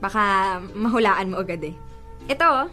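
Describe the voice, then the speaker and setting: This actress, speaking with a Filipino accent at medium pitch, has lively intonation, a moderate pace, and a bright, forceful tone over faint music. Her role in a Filipino radio drama is a playful, pleading young girlfriend, devoted and sweet. Emotive, coaxing and teasing, she comes across in a playful, teasing mood.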